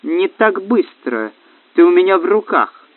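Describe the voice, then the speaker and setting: Brief: a man voicing a sharp, cold, commanding woman, raised pitch, dry phone-like sound. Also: very animated, unhurried, no echo. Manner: crisp, cutting, mocking.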